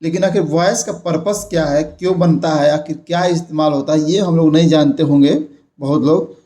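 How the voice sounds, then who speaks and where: A man's voice: a little high, steady tone, a little fast, dark tone. A young man explaining a grammar lesson, repeating points and checking in with his viewers. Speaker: grammar teacher.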